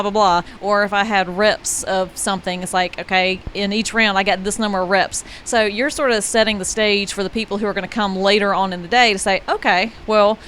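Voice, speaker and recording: A woman coach lays out her reasoning in a relaxed podcast chat, her pitch sitting in the middle range. She works through the idea patiently, pausing on "um" and "uh" as she gathers her thoughts. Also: a little hiss or hum. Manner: explanatory, thinks aloud with "um" and "uh".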